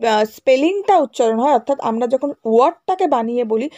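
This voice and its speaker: A woman teacher walks schoolchildren through a grammar lesson, going over each rule more than once and checking in with her pupils after every point. Her voice sits high, with a soft, mellow tone. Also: expressive, fast. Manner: explains and repeats, checks with "right?" and "okay?".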